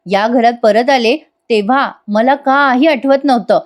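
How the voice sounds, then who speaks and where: A woman's voice: a little high, a little slow, natural voice. A woman with a Marathi accent voicing an emotional middle-aged mother who longs for her lost daughter, in a TV serial recap. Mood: tender.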